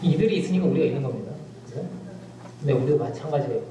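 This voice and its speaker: Animated pastor preaching in an echoey church. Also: male voice, mid-range voice, rapid-fire, a little hiss or hum. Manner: storytelling, animated emphasis with sudden drops to quiet. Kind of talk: sermon. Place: church sanctuary. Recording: very echoey church hall, distant mic.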